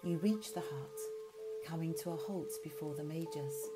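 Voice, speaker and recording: A woman narrating a guided meditation journey in a slow, soothing second-person voice. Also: low voice. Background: loud music.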